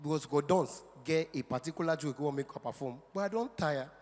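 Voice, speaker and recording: A man's voice: a little high, a little fast, a little mellow. A man with a Nigerian accent doing playful stand-up comedy on stage in front of an audience, like a practised showman. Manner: playful showman, mixes Pidgin into his patter. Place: on stage in a large venue. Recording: reverberant live stage with background noise.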